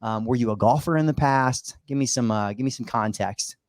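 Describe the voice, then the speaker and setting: A man's voice: medium pitch, fairly quick, no echo, studio quality. A man hosting a podcast, talking in an upbeat, loose way with many fillers. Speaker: podcast host. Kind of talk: casual interview chat.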